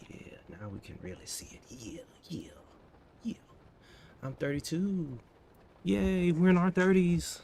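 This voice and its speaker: Slow, gravelly man in his thirties. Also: sits high. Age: 30s. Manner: thinks aloud in half-finished phrases, muttering. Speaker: coding livestreamer. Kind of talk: casual livestream chat while coding. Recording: steady background noise.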